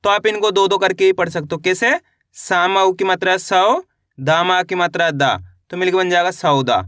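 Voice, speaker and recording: A man teaching children's reading, drilling each syllable slowly and asking his class how to read each word. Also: sits high, fairly even intonation, fairly bright tone, dry recording, clean studio sound. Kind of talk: online lesson.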